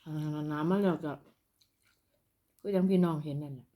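A woman's voice: sits low, a little fast, dark tone. A woman from northeastern Thailand with an Isan accent, chatting casually to her followers as she eats. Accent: Isan, northeastern Thai. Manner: talks while eating. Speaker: eating-show vlogger. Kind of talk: casual mukbang chat to followers.

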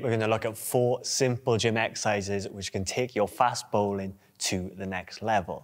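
A man, explaining gym exercises as a strength coach in a practical, plain way. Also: fairly low pitch. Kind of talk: instructional workout voice-over. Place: large indoor gym.

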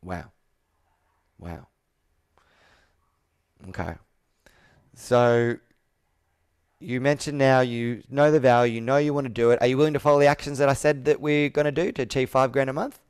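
A man in his thirties speaks at normal speed but leaves long pauses, his mid-range voice darkish, clear and resonant. He coaches sales through live roleplay on a video call in an indoor room with a whiteboard, emphatic and persuasive, with repeated wording.

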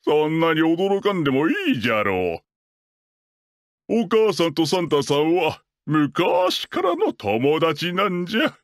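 An actor playing a jolly, gentle old Santa Claus who chuckles and talks in a grandfatherly way to a child. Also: a little high, wildly swooping pitch, dry recording, studio quality. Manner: slow, chuckling grandfatherly speech.

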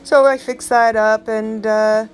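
A woman's voice: a little high, fairly even intonation, slow, faint music behind. A middle-aged woman giving a casual, rambling voice-over of her art process, chatty and self-admittedly dramatic. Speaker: art vlogger.

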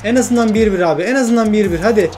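A young man commentating his own football video game play, shouting at teammates between frustrated and joking remarks. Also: high-pitched, quick pace, soft background music. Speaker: gaming YouTuber.

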